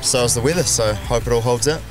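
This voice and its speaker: A man's voice: medium pitch, fast talker, rough recording. A man with a broad New Zealand accent, a speedway driver chatting casually in a trackside interview. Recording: outdoor trackside, music and vehicles behind.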